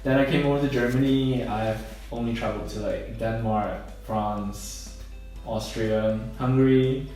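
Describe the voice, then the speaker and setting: Relaxed man in an echoey room. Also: medium pitch, a little slow. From Malaysia. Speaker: co-host of a channel Q&A. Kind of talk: casual chat. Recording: roomy echo from a distant mic with music.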